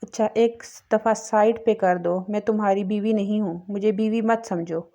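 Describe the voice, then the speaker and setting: A woman voicing a gentle, protective young wife who coaxes in a motherly way. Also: mid-range voice, fairly even intonation, moderate pace, muffled recording, lightly acted. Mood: soothing. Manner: coaxing, motherly.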